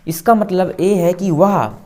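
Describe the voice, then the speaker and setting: A man teaching a beginner lesson, saying each word slowly several times and asking the class to repeat after him. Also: high voice, a little mellow. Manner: slow, deliberate words when modelling pronunciation. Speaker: spoken English teacher. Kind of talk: beginner language lesson, drilling pronunciation.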